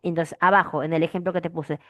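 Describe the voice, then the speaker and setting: A woman teaches a grammar lesson in a slightly low voice. She repeats each rule several times and keeps checking that her students follow along. The recording is dry and close. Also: steady tone, quick pace, dry recording. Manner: repeats key phrases, asks frequent "¿de acuerdo?". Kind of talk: classroom language lesson.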